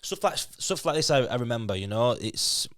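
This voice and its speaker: In a dry podcast-mic recording, a Lithuanian man in his thirties with a Yorkshire accent chats candidly as a guest, frequently swearing and restarting his words. Lithuanian is his first language. His mid-range voice is a bit bright with lively intonation, at a normal speed.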